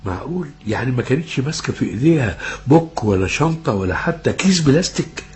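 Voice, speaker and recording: A man's voice: mid-range voice, lively intonation, fast, darkish tone, natural voice. An actor playing a stubborn, easily frightened old father in a comic radio drama, speaking with an Egyptian Arabic accent and hurling repeated insults in a frantic rush. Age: older.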